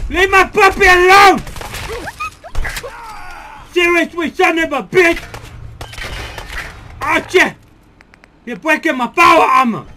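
A man doing Steve, a high creaky brash oddball. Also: pushed and bright, slight background noise, full character voice. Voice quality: high creaky voice, cursing, third-person talk. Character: Steve, a dim hot-headed man, loud and brash. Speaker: gameplay commentator. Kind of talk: let's play commentary.

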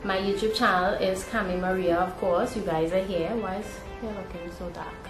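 This clip features a young woman vlogging casually from an indoor room at home, her Trinidadian accent reflecting life in Trinidad though she was born in Guyana. Her medium-pitched voice has fairly even intonation and a moderate pace, with echo and music behind her.

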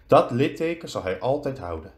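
A man voicing an old, wise male wizard headmaster from a storybook, speaking low, slow and quiet. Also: big pitch swings, echoey room, natural voice. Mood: calm.

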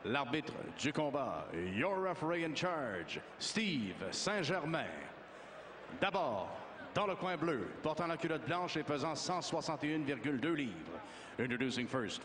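A middle-aged man working as a boxing ring announcer, formal and ceremonious, drawing out names on a handheld microphone. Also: medium pitch. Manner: ceremonious, drawn-out delivery of names. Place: boxing ring in a large indoor arena. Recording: echoey arena PA, background noise.

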